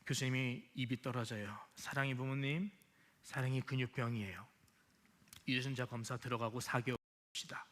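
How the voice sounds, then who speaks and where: A man's voice: medium pitch, steady tone, moderate pace, fairly bright tone. A middle-aged man, a pastor, telling a personal story in a sermon, acting out dialogue and dropping to whispers at tender moments.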